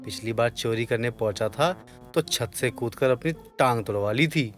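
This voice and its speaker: A man voicing a clumsy, nervous house thief who mutters to himself in an animated story. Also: mid-range voice, normal speed, music in the background, natural voice. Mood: sneaky.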